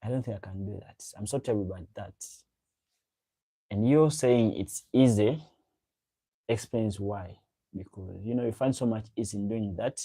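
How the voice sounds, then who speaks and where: Hosting a livestream, a man chats casually with viewers, reading out their comments and rambling as he repeats himself. His first language is a local African language. His voice is on the low side, dark and slightly rough, at a moderate pace with long pauses.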